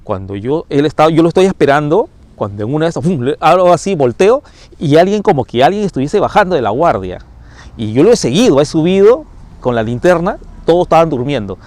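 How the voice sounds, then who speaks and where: A man's voice: fairly high pitch, sing-song, a little fast, darkish tone, dry recording. A man, a firefighter paramedic telling his own ghost story, acting out the scenes with sound effects and little asides. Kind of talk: first-person ghost story told on camera.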